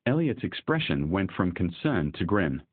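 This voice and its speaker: Male audiobook narrator, low and husky, lively delivery, dry tinny phone-like audio. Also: normal speed, no room sound. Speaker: story narrator.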